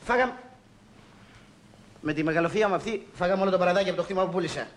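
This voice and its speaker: A man's voice: sits high, lightly acted. An actor playing an impatient man who keeps ordering his friend about and answering with sarcasm in a comic film scene. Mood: bossy. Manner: bossy, sarcastic, commanding.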